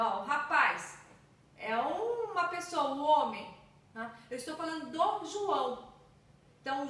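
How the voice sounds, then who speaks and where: A woman's voice: high voice, pushed and bright. A woman with a Brazilian Portuguese accent teaching a recorded grammar lesson to children, explaining patiently and checking in with her students often. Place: room at home with traffic outside. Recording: very echoey room, far from the mic.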